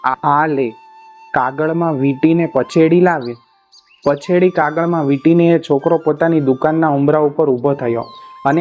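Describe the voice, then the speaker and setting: A man telling a folk tale as a steady storytelling narration. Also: a little high. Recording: muffled with faint music behind.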